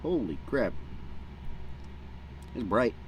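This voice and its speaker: Folksy American pipe-smoking man, noisy outdoor recording. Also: mid-range voice. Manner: unhurried, folksy, plain-spoken; talking with a pipe in his mouth between puffs. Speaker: vlogger. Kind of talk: casual rambling outdoor chat. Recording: clear background noise, outdoor hum.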